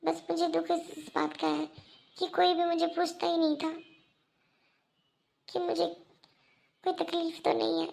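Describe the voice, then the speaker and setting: A sorrowful young daughter-in-law in a cartoon, voiced by a woman. She is dutiful and pleads earnestly. Her voice is very high, flat in pitch and heavy with vocal fry. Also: a little slow, pauses often, heavily acted. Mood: plaintive. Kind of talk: Hindi cartoon voice acting.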